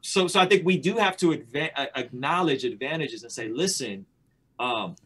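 A man in his thirties on a video call, talking fast and animated, gesturing as he makes his case from a small room. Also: on the high side, husky. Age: 30s. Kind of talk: casual debate on a video call.

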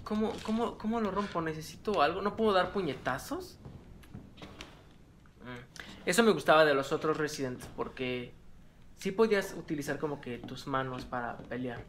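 A man's voice: a little high, lively intonation, moderate pace, a bit bright, a little hiss or hum. A man with a Mexican accent commenting on a horror game he is playing. He talks nervously, muttering to himself and yelping at scares. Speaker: let's play gamer.

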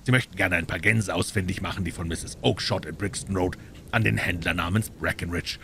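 Male reader doing a cool, clever detective, low, soft-spoken, unhurried. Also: vocal fry, a little hiss or hum, heavily acted. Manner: calm, friendly, measured. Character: calm, shrewd male detective.

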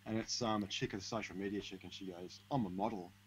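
A man's voice: low-pitched, steady tone, fast, rough recording. A man, chatting casually as a podcast guest in a blokey, sweary way. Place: indoors, on a video call. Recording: video call with clear noise, hum.

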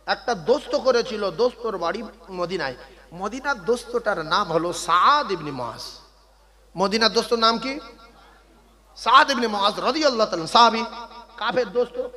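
A man preaching a sermon in a sing-song, shouting style, calling on the crowd to repeat after him. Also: high-pitched, long reverb tail. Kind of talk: Bengali waz sermon.

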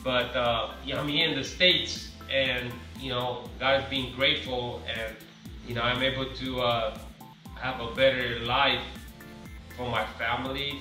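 A man's voice: mid-range voice, pushed and bright. A man, talking casually and reflectively with many fillers, recorded in a large home garage by a camera some distance away. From Romania. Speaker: car-building vlogger. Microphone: camera set some distance away on a ladder. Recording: echoey garage from far off.

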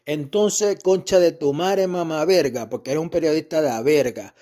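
Ecuadorian-accented man, heated profane football rant, mellow darker tone. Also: a little high, moderate pace. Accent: Ecuadorian Spanish. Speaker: football fan commentator. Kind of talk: angry rant.

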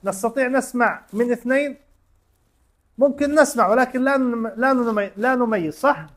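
A man's voice: extremely high pitch, normal speed, fairly bright tone. A man teaching a religion class, explaining step by step with everyday examples and quizzing his students with short questions. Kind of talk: classroom lesson.

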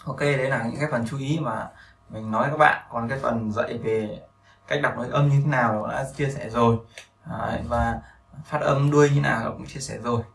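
A man's voice: medium pitch, steady tone, creaky, fairly bright tone, far from the mic. Vietnamese man teaching English in an echoey room. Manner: repeats phrases slowly, drilling pronunciation. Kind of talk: beginner English lesson.

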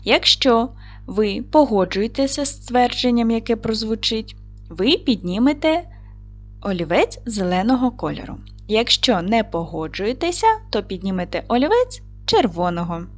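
A woman primary school teacher with a Ukrainian accent, giving a recorded video lesson to children in a clear, patient, instructive way. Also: a little high, big pitch swings, normal speed.

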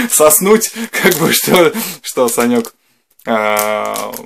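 Higher-voiced slangy man vlogging. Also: expressive, a little slow, a bit bright, slight background noise. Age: 30s. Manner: slangy, rambling, mildly sweary. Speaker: host of a retro games channel. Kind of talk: casual unboxing vlog chat. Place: small furnished room indoors.

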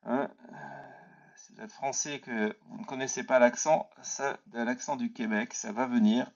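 A man hosting a live political talk show, explaining in a halting way and often repeating words. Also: mid-range voice, steady tone. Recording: slightly dull, lo-fi audio.

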